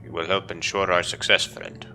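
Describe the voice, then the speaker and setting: A man's voice: low voice, little pitch movement, normal speed, pushed and bright. A man reading out the lines of a stern male barbarian hunt leader in a commanding, solemn way. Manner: commanding, solemn read-aloud delivery. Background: game music.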